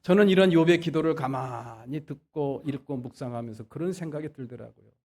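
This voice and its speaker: A man preaching a Sunday sermon as pastor. He moves between quiet asides and loud, emphatic exhortation. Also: a little high, a little fast. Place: church sanctuary.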